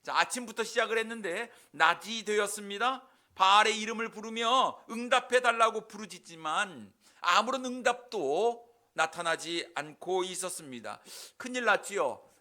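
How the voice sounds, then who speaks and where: High, bright-voiced male pastor. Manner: conversational, uses rhetorical questions. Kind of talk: sermon.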